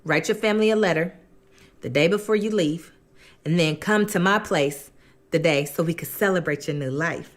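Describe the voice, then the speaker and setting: A woman's voice: lowish voice, moderate pace, close to an everyday voice. A woman voicing a scheming older fortune teller who gives coaxing, matter-of-fact instructions.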